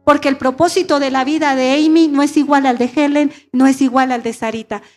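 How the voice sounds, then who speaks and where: Her voice sits high, with fairly even intonation and a slightly fast pace, as this middle-aged woman pastor delivers a sermon in a church sanctuary. She calls on the congregation to repeat phrases back to her, and soft background music accompanies her.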